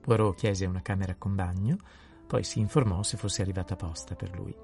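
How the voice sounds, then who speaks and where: A man calmly narrating a novel in an unhurried reading voice. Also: low-pitched, gravelly, faint music behind. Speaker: audiobook narrator.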